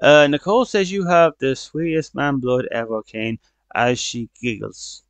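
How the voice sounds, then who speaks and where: A man with a headset, excitedly commentating his own shooter gameplay, swearing and shouting at the game. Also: medium pitch, unhurried, smooth, no room sound. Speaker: gaming channel host.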